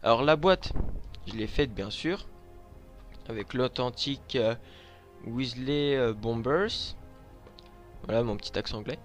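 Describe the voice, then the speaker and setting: Man from Lorraine, mid-pitched, halting show-and-tell vlogger, soft music behind. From Lorraine, France. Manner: hesitant, many filler sounds. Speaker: vlogger showing his handmade collection.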